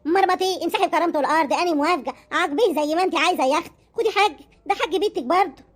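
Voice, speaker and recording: Theatrical Egyptian woman, quick and high. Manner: loud, theatrical, pleading. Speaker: comedy sketch performer. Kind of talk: comic village sketch acting.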